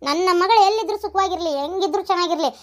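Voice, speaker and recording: A woman voicing a nagging middle-aged village wife in a cartoon, with a North Karnataka Kannada accent. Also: very high voice. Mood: angry, defensive. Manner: nagging, scolding rapid-fire. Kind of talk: cartoon comedy voice acting.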